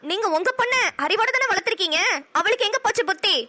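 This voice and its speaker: A woman voicing a stern, angry mother of grown sons in a cartoon drama, speaking in a sharp, scolding way. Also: extremely high pitch, fast. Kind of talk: cartoon voice acting.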